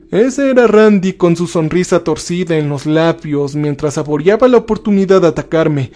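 High-voiced man narrating a horror tale. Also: mellow. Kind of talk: first-person horror story narration.

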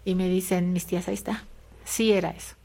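A Mexican woman with a low, dark voice talks quickly and flatly as an interview guest. She tells a personal story hesitantly, filling it with fillers and tag questions.

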